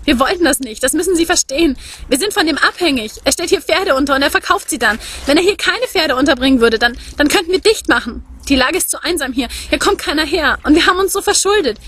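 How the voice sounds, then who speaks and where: A woman's voice: expressive, fast, a bit bright. A woman voicing a young farm wife who pleads desperately while crying. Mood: pleading. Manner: high, pleading, breaking voice.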